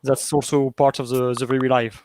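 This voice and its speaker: A man, a developer, explaining on a video call in a halting way that repeats words. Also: mid-range voice, level tone, noisy background. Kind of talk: casual video call chat.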